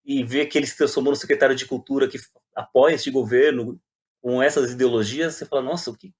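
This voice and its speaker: A Brazilian playwright and poet, interviewed as a guest, talks fast in a steady, medium-pitched voice. He's casual and reflective, often repeating words while he hunts for the right phrasing.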